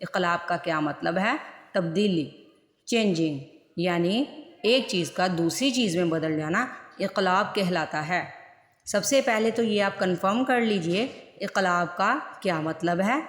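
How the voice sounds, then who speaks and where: A woman teaching a Quran recitation lesson, who repeats each rule and keeps putting questions to her viewers. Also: on the low side. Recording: echoey room with long reverb.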